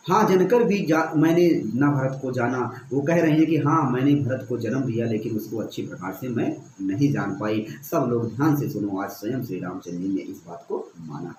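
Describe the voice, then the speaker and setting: A man's voice: medium pitch, moderate pace, hardly any pauses, darkish tone, roomy sound, a little hiss or hum, low-quality recording. A male teacher reading lines of a Hindi poem aloud and explaining each one, repeating phrases as he goes. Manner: reads verse lines then paraphrases them, repeating phrases.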